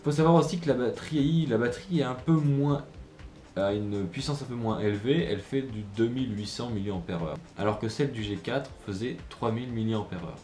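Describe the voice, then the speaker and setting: A man's voice: medium pitch, brisk, a little mellow. A man giving a casual phone review, hesitant with many fillers and restarts. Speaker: tech reviewer. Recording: roomy echo with faint music.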